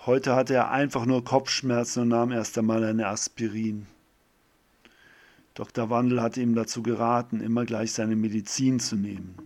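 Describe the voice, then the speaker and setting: A man's voice: medium pitch, level tone, normal speed, a little mellow. A man narrating a homemade village story as an amateur reader, with a plain delivery and small self-corrections.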